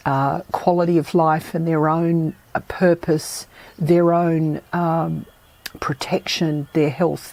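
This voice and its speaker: Croaky, slow-spoken woman podcast host. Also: low voice, warm tone. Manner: measured, thoughtful, with pauses and restarts. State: croaky, recovering from a virus. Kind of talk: reflective solo podcast talk.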